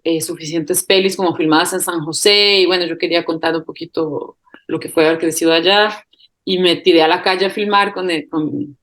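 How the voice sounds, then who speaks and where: A film director from Costa Rica, a woman speaking Costa Rican Spanish, answering interview questions with many pauses, fillers and restarts. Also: deep voice. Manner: hesitant, thinks aloud with many fillers and restarts; laughs lightly while talking.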